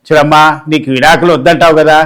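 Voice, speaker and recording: Guy playing a slick lawyer, coaxes and explains, quick talker. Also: a little high, fairly even intonation, fairly bright tone, close to an everyday voice. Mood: coaxing. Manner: coaxing, explains slowly. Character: smooth-talking persuasive male lawyer.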